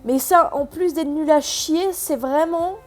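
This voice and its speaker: A woman's voice: high-pitched, measured pace, a little mellow, faint music behind. A South American woman who has lost her accent, giving a sarcastic, slangy film review in casual vlog style.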